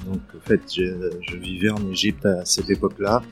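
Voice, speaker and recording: Man, 30s, from Palestine, interview guest, low-pitched, halting with fillers. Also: level tone, faint music behind. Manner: hesitant, many fillers and restarts. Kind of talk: casual interview testimony.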